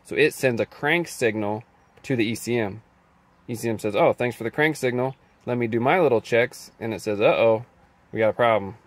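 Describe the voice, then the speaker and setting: A man working as a mechanic, talking through a scan tool diagnosis inside a car, thinking aloud and reading out values. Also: on the low side. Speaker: auto mechanic. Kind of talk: casual diagnostic walkthrough.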